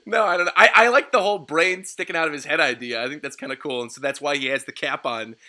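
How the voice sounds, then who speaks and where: Upbeat bright-voiced young man hosting. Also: on the high side, quick pace. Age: 20s. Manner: upbeat, laughs often, reads viewer entries aloud. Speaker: host. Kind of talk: casual livestream panel chat.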